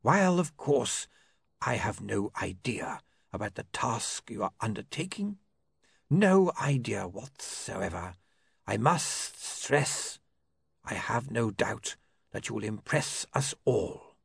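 A man voicing a slow, dry, stiff old male lawyer with a creaky, husky voice, in an audiobook. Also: fairly low pitch, lively intonation, dry recording, exaggerated voice. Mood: formal.

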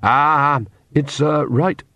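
A well-mannered young king stumbles over his words, all ums and polite protests, as a male narrator performs him. His voice sits a little higher than a plain speaking tone. It is recorded dry and close, in audiobook style. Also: steady tone, extremely slow, sharp tone, no room sound, lo-fi sound, heavily acted. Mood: flustered. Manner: hesitant, stammering. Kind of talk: audiobook character voice.

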